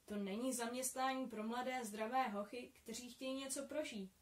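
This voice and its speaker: A woman reading the part of a friendly, teasing young man who has had many adventures, in a calm, kindly storytelling tone. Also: fairly high pitch, roomy sound, lightly acted.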